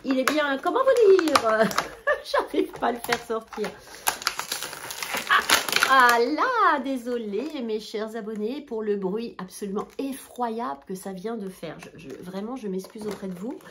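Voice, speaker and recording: A woman's voice: a little high, animated, measured pace, noisy background. A woman filming a chatty haul vlog indoors under a ring light, bubbly and self-mocking as she talks straight to her viewers. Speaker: haul vlogger, mother of two daughters.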